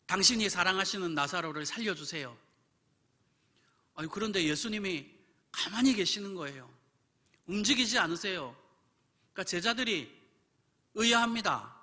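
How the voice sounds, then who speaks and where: A male pastor preaching a sermon dramatically, acting out quotes and swinging from whispers to loud build-ups. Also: on the high side, long reverb tail. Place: church sanctuary.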